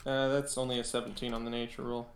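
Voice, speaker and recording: A man's voice: medium pitch, flat delivery, fast talker, noisy background. A man chatting casually as a player in a tabletop game. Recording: roomy echo under clear music.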